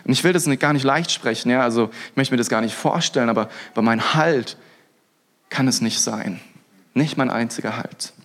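A man's voice: mid-range voice, fairly quick. A young man giving a sermon as a pastor, talking casually and energetically, with frequent restarts and interjections. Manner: lively, colloquial, with frequent "hey" and restarts.

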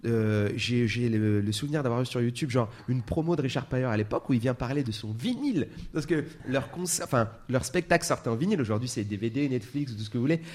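A man's voice: mid-range voice, fast, few pauses. A man chatting on a podcast, telling stories with enthusiasm. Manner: enthusiastic, animated retelling with acted-out quotes. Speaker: podcast co-host. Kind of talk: casual chat.

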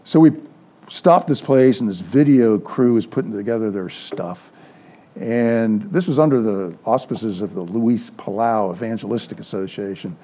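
A man's voice: on the low side, normal speed. An older man teaching a church Sunday school class, telling anecdotes and acting out the dialogue. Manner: lively storyteller, acts out quoted dialogue. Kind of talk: informal sermon with storytelling.

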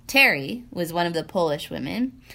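A woman's voice: on the low side, expressive, moderate pace, gravelly, sharp tone. Woman, young adult, podcast co-host, dry, wry storyteller. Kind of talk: recounting a dinner outing.

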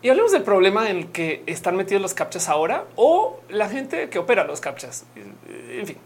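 A young Colombian woman hosts a casual livestream, her medium-pitched voice sing-song at a moderate pace. Chatty and playful, she reads viewer comments aloud and laughs often.

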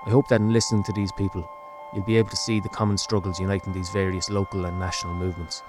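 A man narrating a scripted documentary podcast in a measured, serious way. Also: deep voice, level tone. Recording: music behind the narration. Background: music.

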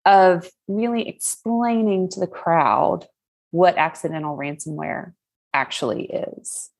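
Give me a playful podcast host with a low, raspy voice. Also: female voice, takes it slowly. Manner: playful, self-deprecating. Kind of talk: casual interview.

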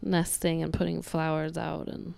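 A woman's voice: sits low, completely flat delivery, normal speed, creaky, darkish tone. A tired woman in labor, chatting casually as an expectant mother on a vlog. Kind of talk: casual chat. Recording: faint background noise.

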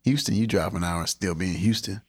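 A man's voice: deep voice, quick pace, breathy edge. A man from Minnesota chatting casually, telling stories with laughing asides. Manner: loose storytelling, laughing asides. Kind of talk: casual chat.

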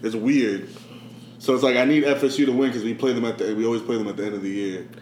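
Relaxed man saying "like" a lot. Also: mid-range voice, fast. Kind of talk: casual sports chat. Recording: echoey room, faint background noise.

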